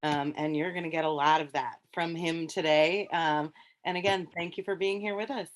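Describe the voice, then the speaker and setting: A middle-aged woman speaks in a lowish voice with an Upper Michigan accent, stretching her vowels in Yooper fashion. She presents as a teacher in an informal webinar style. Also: steady tone, moderate pace. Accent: Upper Michigan (Yooper), with elongated vowels. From Upper Peninsula of Michigan, United States.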